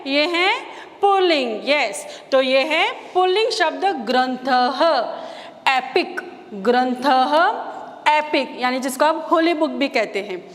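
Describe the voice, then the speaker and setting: An Indian woman teacher with a high voice takes her class through a vocabulary list. She speaks slowly and patiently, repeating each word before giving its meaning. The recording has a long reverb. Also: lively intonation. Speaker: Sanskrit teacher. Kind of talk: recorded online class lesson.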